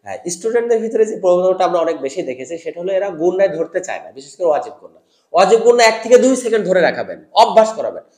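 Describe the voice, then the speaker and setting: High-voiced man teaching recitation rules. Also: sing-song, darkish tone, echoey room. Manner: slow drawn-out chanted recitation of examples. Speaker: Quran teacher. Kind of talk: tajweed lesson for teachers.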